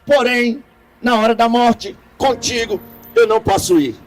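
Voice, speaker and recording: A king's intimate companion wife, voiced by a man speaks tenderly yet firmly in a storybook parable. The voice is very high. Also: measured pace, soft background music, low-quality recording.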